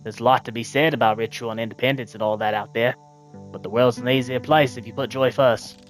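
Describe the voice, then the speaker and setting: A gentle, wistful clan elder gives soft advice, as a man reads the part. The voice sits at a middling pitch and sounds close to the reader's own. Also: steady tone, brisk, soft background music, natural voice, poor audio. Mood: encouraging.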